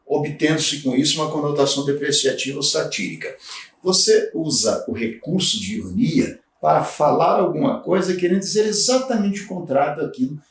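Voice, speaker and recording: Man teaching slowly in an echoey room. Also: fairly high pitch, distant mic. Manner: slow, deliberate explaining with frequent "né" and pauses. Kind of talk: recorded grammar lecture.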